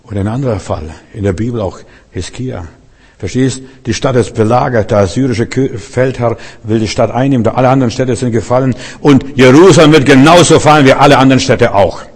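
A male preacher delivers a lively sermon, dipping into the voices of the people in his stories. His pitch sits in the middle range for a man. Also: a little fast, husky, long reverb tail. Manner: animated, acts out biblical figures, frequent "weißt du".

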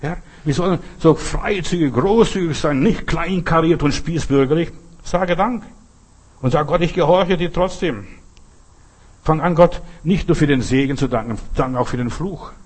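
A man preaching a sermon in an emphatic, repetitive way, with a husky voice. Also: on the high side, normal speed. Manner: emphatic, repeats phrases, shouts echoing cries when telling stories.

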